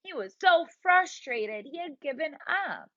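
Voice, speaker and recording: A preschool teacher reads a picture book aloud to young children, expressive and drawn out, asking them questions along the way. Her voice sits high and she goes a little slow. The recording is dull and lo-fi, with no echo.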